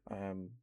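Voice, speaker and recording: Close-miked with no room sound, a young man streams ASMR, chatting gently and meandering between ideas. His talk is loose, sprinkled with fillers and hushed chuckles.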